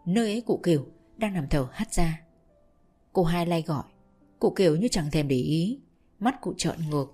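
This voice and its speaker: Woman storyteller, low voice, measured audiobook reading over faint music. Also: breathy edge. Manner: steady, measured narration. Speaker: narrator.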